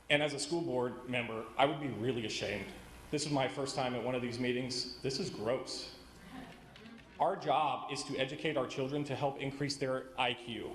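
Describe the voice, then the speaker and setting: An American man, a parent, making a reproachful public comment. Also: medium pitch. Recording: echoey meeting room with faint noise.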